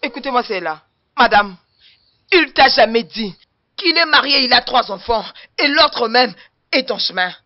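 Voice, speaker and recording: A woman's voice: a little high, animated, normal speed, close to an everyday voice. A woman dubbing an outspoken betrayed wife who scolds her husband. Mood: furious. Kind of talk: French-dubbed film acting. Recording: dull lo-fi dub with music behind.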